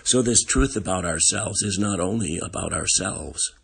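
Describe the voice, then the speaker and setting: An older man with a frail, breathy, gravelly voice gives a gentle, contemplative devotional reflection on scripture, with long pauses. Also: deep voice.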